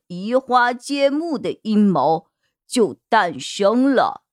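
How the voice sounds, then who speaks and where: Slow, expressive woman narrating a mystery. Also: mid-range voice, no room sound, studio quality. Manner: expressive storytelling. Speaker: audiobook narrator. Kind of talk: scripted narration of a detective novel.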